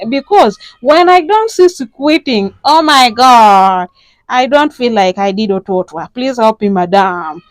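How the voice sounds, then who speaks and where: A woman voicing a desperate, excited male caller who pleads for help in a comic phone-call skit. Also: high-pitched, no echo, voice pushed up.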